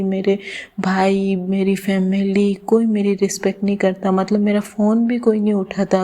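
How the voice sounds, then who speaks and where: Soft-toned woman telling her story haltingly. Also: medium pitch. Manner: halting, earnest storytelling with many restarts. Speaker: vlogger. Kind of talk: personal confessional vlog.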